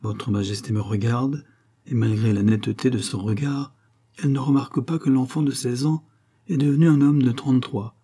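A man voicing a composed, dignified doctor who answers in calm, measured tones. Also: mid-range voice, slightly rough, natural voice.

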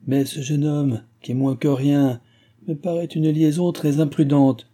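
A man's voice: on the high side, level tone, measured pace, dark tone, voice pushed up. A man reading aloud, voicing an arrogant aristocratic former guardian who lectures in a haughty manner. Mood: haughty, lecturing.

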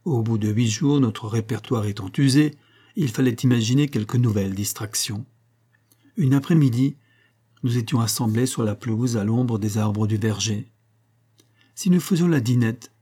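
A man reads a classic short story aloud with measured, expressive pacing. His voice is dark and mellow, with a husky grain, at a middle pitch. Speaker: narrator. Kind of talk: literary audiobook reading.

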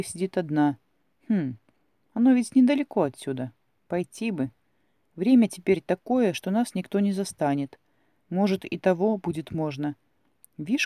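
A man's voice: sits high, warm tone, no room sound, clean studio sound. A man voicing a stubborn, grumbling old Cossack villager who mutters indignantly to himself.

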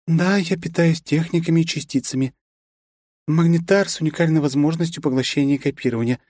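A man voicing a shrill, cold-hearted huntress. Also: a little fast, darkish tone, no room sound, lightly acted. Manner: cold then shrieking, abusive. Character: fierce adult woman hunter, volatile wife.

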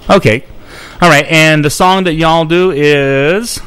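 Male radio host, clear resonant voice, friendly and rambling with callers. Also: a little high, takes it slowly, fairly bright tone. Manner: friendly, rambling, many ums and restarts. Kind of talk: casual radio chat with phone callers.

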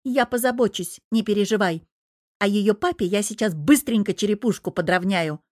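A woman voicing a fiery, affectionate young pregnant wife in an audiobook, with a lively, quick-tempered manner. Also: medium pitch, dry recording, clean studio sound, close to an everyday voice. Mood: furious. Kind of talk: audiobook character voice.

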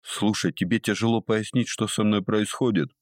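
A man voicing a brash, impatient male businessman prisoner who fires off blunt, quick-tempered questions. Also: low-pitched, no echo, clean studio sound, close to an everyday voice. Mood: irritated.

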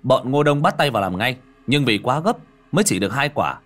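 A man voicing an eager middle-aged prefect in an audiobook, speaking in a hurried, forceful, formal way. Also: mid-range voice, big pitch swings, voice pushed up. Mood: awkward, earnest. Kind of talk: audiobook character acting.

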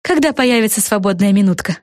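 A woman voicing a clever, sharp young girl witch in a storybook, with a high girlish voice and a knowing, explaining manner. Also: animated, fairly quick, dry recording, studio quality, natural voice.

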